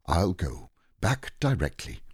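A man's voice: low voice, very animated, slow, breathy edge, no echo, studio quality, exaggerated voice. A man voicing a pompous, dignified storybook owl with a ponderous, long-worded manner. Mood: matter-of-fact.

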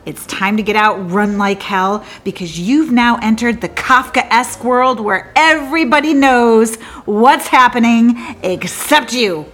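Her voice a little high and fairly bright, an actress voices a disillusioned lawyer in a stage monologue, confiding in halting, wry, bitter bursts that swing abruptly. The mood here is wry alarm.

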